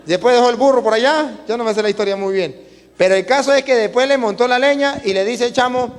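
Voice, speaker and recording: A man's voice: extremely high pitch, fast talker, long reverb tail. A man, a priest preaching at a retreat, telling stories animatedly and asking the audience questions. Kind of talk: sermon at a retreat.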